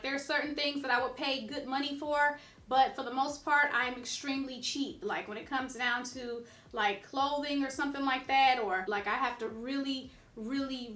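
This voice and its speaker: A chatty middle-aged woman with a high, bright voice talks casually to her viewers, often circling back with little fillers. She sounds like she is in an echoey room. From United States. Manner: chatty, repeats herself with "you know" and "like". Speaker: vlogger. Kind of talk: casual talk to camera.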